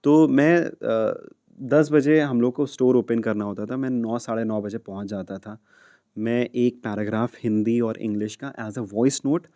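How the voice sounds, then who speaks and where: A man being interviewed on a podcast, telling career stories in a lively way and switching freely between Hindi and English. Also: medium pitch, measured pace, dry recording, clean studio sound. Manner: animated storyteller who acts out dialogue and sounds. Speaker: podcast guest, radio jockey. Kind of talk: casual interview storytelling.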